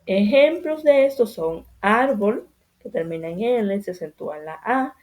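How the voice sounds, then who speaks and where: A woman teaching a grammar lesson to children, speaking slowly and deliberately and repeating key points for emphasis. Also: medium pitch, lively intonation, a little mellow.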